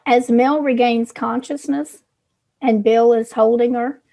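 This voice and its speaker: A woman's voice: fairly high pitch, steady tone, measured pace, creaky, dark tone. A woman player in a tabletop game, dramatically narrating what her character does.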